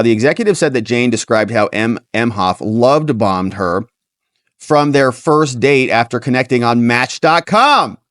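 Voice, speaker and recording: Animated man doing sarcastic news commentary. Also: medium pitch, no echo, clean studio sound. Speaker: host. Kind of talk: livestream commentary reading a news story.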